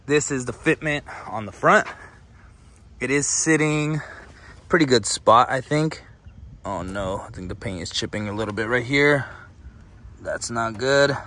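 A young man chatting casually to his viewers in a vlog, recorded outdoors beside a car on a hot day with a handheld camera. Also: mid-range voice. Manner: relaxed, chatty, addresses viewers as "boys". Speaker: car vlogger.

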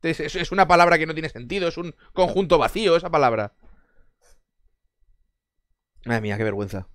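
A man's voice: on the high side, fast, fairly bright tone, no echo, studio quality. A man from Spain chatting casually on a live stream, answering chat with sarcastic jokes, frequent swearing and bursts of laughter.

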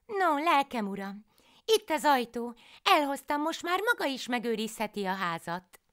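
Foolish young peasant wife as a woman puts her on, high voice, lively swooping pitch, naive pleading tone, storybook reading. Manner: naive, pleading folk-tale speech.

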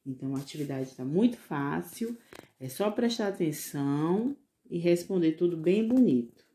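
A woman teaching young children in a recorded lesson, patiently sounding out syllables and coaxing them with gentle diminutives. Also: low voice, lively intonation, normal speed. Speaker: preschool teacher.

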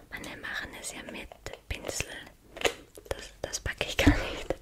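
Young woman in an intimate whisper. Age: 20s. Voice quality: soft breathy unvoiced whisper. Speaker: ASMR video creator. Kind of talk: whispered ASMR chat. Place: small bedroom, indoors. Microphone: large microphone close to the mouth.

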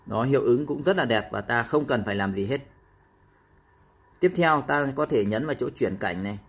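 A man explaining a phone app step by step in a casual tutorial, with frequent pauses and fillers. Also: mid-range voice, animated, breathy edge.

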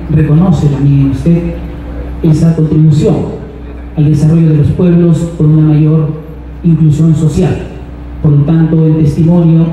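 A man speaking as a university rector, giving a slow, solemn ceremonial address at an outdoor ceremony. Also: on the high side, warm tone, far from the mic, muffled recording, a little hiss or hum. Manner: slow, solemn, measured phrasing. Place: large outdoor ceremony at night. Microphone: handheld microphone. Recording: roomy hall-like reverb from afar.

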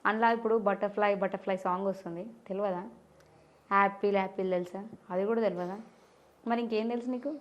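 Fast-talking woman quizzing a child. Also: medium pitch, fairly even intonation, dull audio. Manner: quizzing, coaxing questions. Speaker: interviewer. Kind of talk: casual interview with a child.

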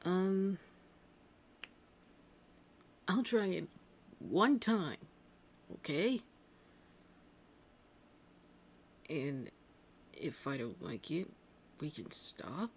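A woman voicing a shy, flustered young male cartoon hedgehog hero in love, husky and hesitant, in an intimate ASMR roleplay. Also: fairly low pitch, lively intonation, slow, long pauses, a little hiss or hum. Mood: hesitant, soft. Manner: hesitant, stammering, bashful.

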